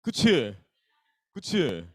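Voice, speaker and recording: Lively young man teasing a youth group. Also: mid-range voice, very slow. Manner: bantering, teasing, calls on listeners by name. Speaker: youth pastor. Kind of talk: casual sermon opening with audience questions. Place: church worship hall.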